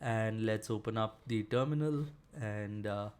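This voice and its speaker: A man's voice: lowish voice, measured pace, clean tone. Casual man walking through a coding demo. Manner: casual, filler-heavy explaining with frequent "uh" and "basically". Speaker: developer tutorial presenter. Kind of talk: screen-share coding tutorial.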